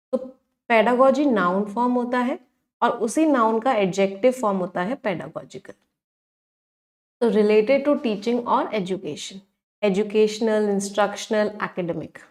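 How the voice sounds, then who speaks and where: A young woman teaches exam vocabulary in a steady voice of middle pitch. She keeps asking her class questions and answers each one herself. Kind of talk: exam-prep vocabulary lesson.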